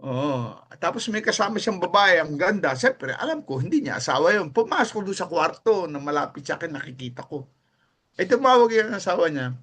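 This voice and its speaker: A man's voice: high voice, a little fast, husky. A man with a Filipino accent preaching a sermon, telling his stories with animation and slipping in English phrases. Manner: animated storytelling, mixing in English phrases, chuckling at his own anecdotes. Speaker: pastor.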